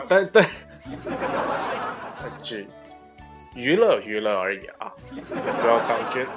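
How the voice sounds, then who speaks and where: A man giving a casual dialect lesson, chatty and giggly, often correcting himself. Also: medium pitch. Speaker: dialect teacher.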